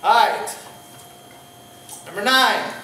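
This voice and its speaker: A man, a pastor, teaching an informal Greek class, talking in a halting way with many fillers and restarts and joking with his students. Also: high-pitched, sharp tone. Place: church classroom. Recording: roomy, distant classroom recording with faint hiss.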